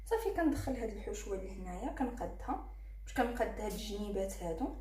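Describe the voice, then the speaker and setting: Brisk Moroccan woman teaching cooking. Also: medium pitch, lively intonation, mellow, roomy sound, slight background noise. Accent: Moroccan Arabic. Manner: talks viewers through each fold while working. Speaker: cooking channel host. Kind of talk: step-by-step cooking tutorial.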